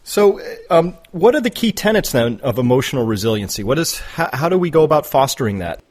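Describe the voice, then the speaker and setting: Man, interview host, slightly husky, chatty storytelling, halting restarts. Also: mid-range voice, sing-song, darkish tone. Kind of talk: conversational interview.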